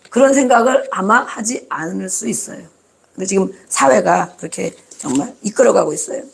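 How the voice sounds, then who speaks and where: Woman, pastor, sermon, gravelly, repeats phrases, asks the congregation questions. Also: medium pitch.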